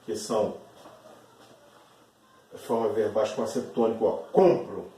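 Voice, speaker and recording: Aula gravada num cômodo com eco, de um professor brasileiro de voz grave e mansa. A fala é pausada e didática, cheia de repetições e de um "certo?" constante. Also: male voice, lowish voice, dark tone. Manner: slow, repeats words, often checks with "certo?". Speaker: teacher. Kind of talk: classroom lesson explaining grammar. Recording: echoey room, voice from a distance.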